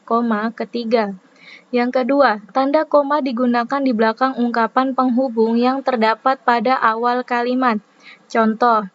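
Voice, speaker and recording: A woman's voice: on the high side, lo-fi sound. A young woman student reading a class presentation, spelling out letters and examples one by one. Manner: reads examples slowly, letter by letter.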